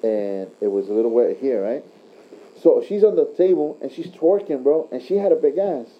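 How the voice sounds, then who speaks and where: A man with a mid-pitched voice tells casual stories in crude frat-bro slang, dropping bro constantly. The recording is dull and lo-fi. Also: animated, normal speed. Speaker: tattoo artist telling stories. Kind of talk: casual chat, anecdote telling. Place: tattoo shop.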